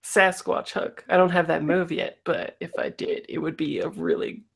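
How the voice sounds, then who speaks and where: Creaky-voiced player in casual game chat. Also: medium pitch, sing-song, normal speed. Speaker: player in a tabletop roleplaying game.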